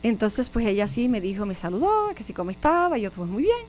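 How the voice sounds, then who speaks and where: Warm-voiced Puerto Rican nun. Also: female voice, mid-range voice, quick pace, a little hiss or hum. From Puerto Rico. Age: 50s. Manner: animated storyteller, often addresses listeners directly. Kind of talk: personal testimony in an interview.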